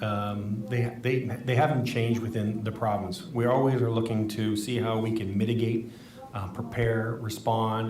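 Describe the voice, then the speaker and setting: A man answering at a press briefing as a government official, speaking in a halting, formal, measured way. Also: fairly low pitch, a little mellow. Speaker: government emergency management official. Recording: echoey room, distant microphone.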